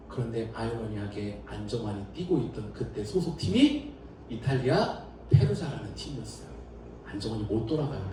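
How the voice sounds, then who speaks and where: A middle-aged man preaching a sermon as pastor, telling stories with lively laughter and acted-out quotes. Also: mid-range voice, noisy background. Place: church sanctuary. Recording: echoey room from far off.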